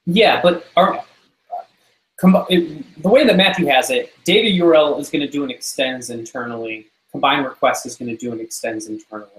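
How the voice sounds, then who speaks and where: Man, mid voice, roomy call sound, probing developer thinking out loud in a meeting. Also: medium pitch, a little fast. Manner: questioning, thinks aloud with many restarts. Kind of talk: technical discussion in a meeting. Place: online contributors meeting.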